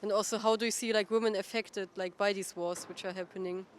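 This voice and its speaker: A woman's voice: mid-range voice, steady tone, fast. Woman asking questions outside, casual, lots of likes, traffic faint in back. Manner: casual, many fillers. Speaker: interviewer. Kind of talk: street interview. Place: outdoors on a city street.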